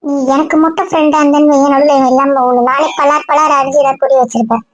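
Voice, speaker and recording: A young woman playing a blunt young female friend who scolds and lectures in a sharp, rapid-fire way, in a web drama. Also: high-pitched, steady tone, lo-fi sound, a little hiss or hum, natural voice. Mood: scolding.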